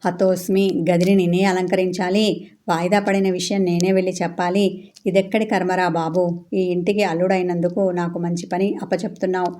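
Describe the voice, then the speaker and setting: A woman's voice: on the low side, level tone, normal speed, dark tone, natural voice. A woman voicing a put-upon young husband complaining in mock-dramatic fashion. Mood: exasperated.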